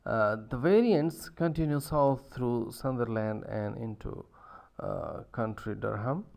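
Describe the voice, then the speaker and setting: Slow, hesitant male lecturer with gravelly voice. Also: mid-range voice, expressive, darkish tone. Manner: hesitant, many fillers and restarts. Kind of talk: university lecture.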